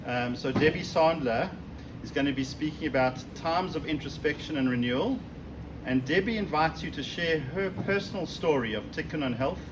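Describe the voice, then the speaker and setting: In his conversational talk to a synagogue audience, the South African speaker pokes fun at himself and frequently poses rhetorical questions on religious themes. His voice runs a little high at a moderate pace. Captured indoors from a distant mic, the audio is echoey and noisy.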